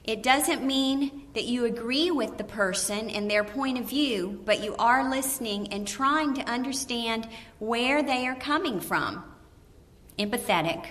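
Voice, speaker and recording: A preacher's wife teaching a Bible lesson in a lively way, acting out the voices she quotes. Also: fairly high pitch.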